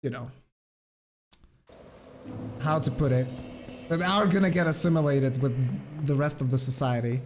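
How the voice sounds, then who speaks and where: A man's voice: mid-range voice, unhurried, pauses often, slight background noise. A young man from the Czech Republic, a speedrun streamer, chatting casually with viewers and laughing often.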